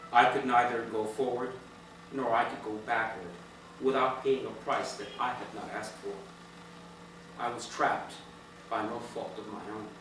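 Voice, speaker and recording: Man reading a story aloud, expressive, hushed to loud, very echoey room, distant mic, faint background ambience. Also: medium pitch, noisy background. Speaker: reader of his own play. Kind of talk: dramatic first-person story reading.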